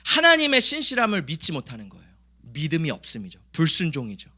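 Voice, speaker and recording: Bright, lively-voiced male pastor preaching. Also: fairly high pitch, fast. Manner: emphatic, asks the congregation questions; acts out the grumbling people in a raised voice. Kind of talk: sermon.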